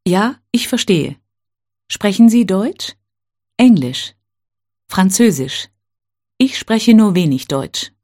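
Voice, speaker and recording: A woman teaching a language, reading set phrases one at a time in a slow, careful, clearly spaced way. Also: mid-range voice, lively intonation, a little mellow.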